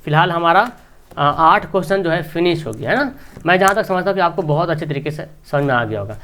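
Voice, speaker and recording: Male maths tutor, slightly high voice, explaining at the board with constant tag questions. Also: lively intonation, fast, fairly bright tone. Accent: Hindi regional, Bihar. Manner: talking while writing, frequent tag questions. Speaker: maths teacher.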